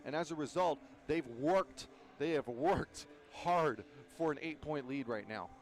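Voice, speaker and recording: A man's voice: on the high side, a little slow. A man giving color commentary at a basketball game, explaining the defense and what players should have done. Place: gym broadcast booth.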